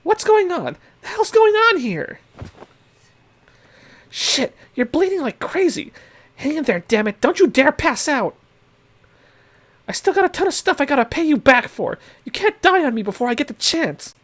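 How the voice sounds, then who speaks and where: A man's voice: very high voice, very animated, moderate pace, pauses often, fairly bright tone, full character voice. A man voicing a brash young man who pleads urgently in a raised, strained voice. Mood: frantic.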